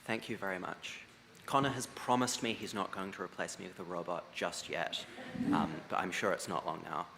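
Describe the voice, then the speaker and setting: A man from New Zealand hosting a debating ceremony, relaxed with light jokes and many fillers. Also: low-pitched, moderate pace, vocal fry. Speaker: master of ceremonies. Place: large debating chamber. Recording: long hall reverb with faint noise.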